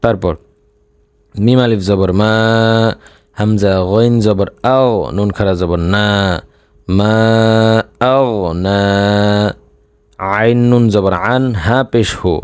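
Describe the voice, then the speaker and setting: A man teaching Quran reading, spelling out syllables one by one and then reciting them slowly, with a Bangladeshi Bengali accent. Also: lowish voice, steady tone, darkish tone, no room sound.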